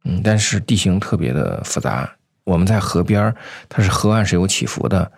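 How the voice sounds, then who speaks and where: A man telling first-person stories in an unscripted interview, conversational and halting, often repeating phrases. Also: deep voice, animated, creaky, dry recording, clean studio sound. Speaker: anti-poaching patroller, interview guest.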